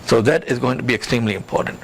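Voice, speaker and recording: Racing along in a medium-pitched, fairly bright voice, a career coach gives advice in an interview. His manner is instructive and emphatic, with key points repeated, and background noise is clearly audible.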